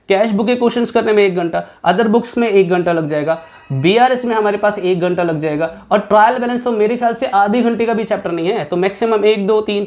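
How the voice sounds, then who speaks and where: A man's voice: sits high, darkish tone. Emphatic Hindi-speaking accounts teacher, man. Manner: emphatic, repeats key points, talks straight to students; mixes English accounting terms into Hindi. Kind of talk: exam-prep lesson to students.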